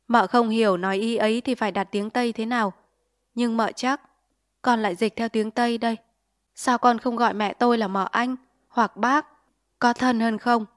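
Audiobook mother figure, reproachful and questioning, voiced by the woman narrator, highish tone, dry close recording. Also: no room sound, close to an everyday voice. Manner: questioning, scolding. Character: fussy, reproachful middle-aged mother.

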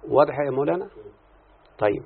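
A man's voice: medium pitch, animated, quick pace, gravelly, slightly rough. A man with an Egyptian accent teaching a lesson as a sheikh, who keeps asking his students questions, answers them himself and switches between classical and colloquial speech. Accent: Egyptian Arabic. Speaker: sheikh teaching Arabic morphology. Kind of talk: recorded lesson. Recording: tinny phone-like lo-fi audio.

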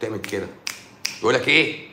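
Egyptian male doctor, rapid mocking livestream rant, echoey room sound. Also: mid-range voice, animated, background noise. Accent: Egyptian Arabic. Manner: sarcastic, mocking, scolding. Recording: roomy echo.

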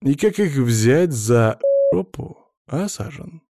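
A man reading an audiobook, voicing a calm male investigator who questions softly and evenly. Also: medium pitch, vocal fry, dry recording, clean studio sound, voice pushed up, full character voice. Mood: probing. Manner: soft, measured questioning. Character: calm, probing male investigator, gently ironic.

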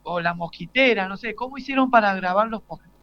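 An Argentine man hosts an informal live radio interview, asking hesitant questions and restarting them repeatedly. His voice is high and a little fast, and the lo-fi broadcast sounds slightly dull.

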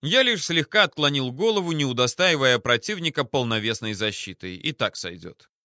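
A male audiobook narrator reads a first-person story at a calm, measured pace. His voice is bright and forceful, and he gives the menace a cool understatement. The recording is close and completely dry. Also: mid-range voice, no room sound.

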